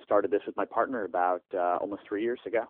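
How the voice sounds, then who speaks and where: Low-voiced guy on a landline phone call, dry tinny line, lots of uhs as he answers. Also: fairly even intonation, no room sound. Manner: halting, frequent "uh" fillers and restarts. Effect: heard over a landline phone. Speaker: startup founder interviewed by phone.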